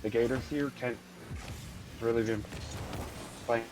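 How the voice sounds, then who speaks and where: A man's voice: medium pitch, steady tone. Man commentating on a crackling, dropping mic. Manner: halting, hesitant delivery with many fillers. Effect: mic cutting out with crackle. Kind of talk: esports co-commentary.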